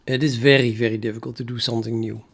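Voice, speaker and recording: A Dutch man, a native speaker with a Dutch accent, talks fast in a mid-range, level voice that's creaky with a breathy edge. He's a programmer on a live coding stream, chatting casually and thinking aloud with lots of fillers and restarts.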